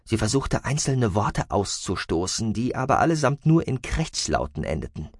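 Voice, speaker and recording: Brief: male audiobook narrator, animated delivery, dry studio. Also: fairly low pitch, normal speed, dry recording. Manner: expressive storytelling.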